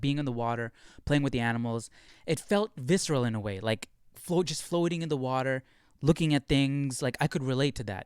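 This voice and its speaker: Relaxed man reviewing a film, dry sound. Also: medium pitch, clear, resonant tone, no room sound. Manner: relaxed, conversational, thinking out loud. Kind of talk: casual video review.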